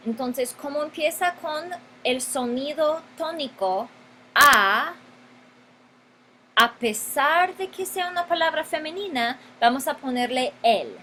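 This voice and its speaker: Brief: woman teacher, bright and fairly high voice, slow and deliberate grammar lesson. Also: slight background noise, rough recording. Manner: slow, deliberate, stretches key words and repeats them. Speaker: Spanish teacher.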